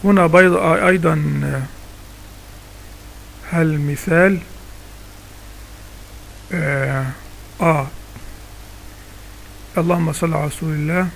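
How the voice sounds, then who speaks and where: A man's voice: on the high side, fairly even intonation, slow, creaky, long pauses, slight background noise. A man with an Egyptian accent teaching a recitation lesson in a casual spoken style. He asks himself questions and then answers them step by step. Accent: Egyptian Arabic.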